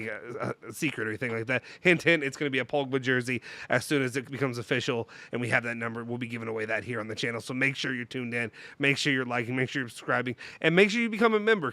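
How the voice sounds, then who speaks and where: A man's voice: mid-range voice, pushed and bright, no room sound. A man with a nasal, blocked-nose voice hosting a channel in casual, jokey, rambling live-stream chat. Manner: jokey, rambling, self-deprecating. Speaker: YouTube channel host.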